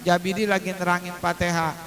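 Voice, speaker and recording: High, bright-voiced joking preacher man. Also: completely flat delivery, a little hiss or hum. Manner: demonstrates Quran pronunciation, chanting verses slowly; joking, colloquial asides to the congregation. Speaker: Islamic preacher. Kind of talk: humorous religious lesson.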